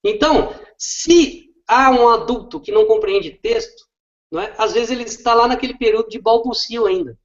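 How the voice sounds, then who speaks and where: A man's voice: very high-pitched, normal speed. A man, an educator explaining literacy step by step and often checking with tag questions. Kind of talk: didactic explanation in conversation. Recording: dull lo-fi recording.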